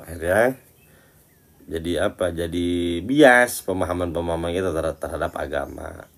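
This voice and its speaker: A man teaching a casual Islamic study talk, chatty and teasing as he speaks to his listeners as friends, swinging between loud emphatic lines and quiet muttered asides. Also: deep voice, normal speed.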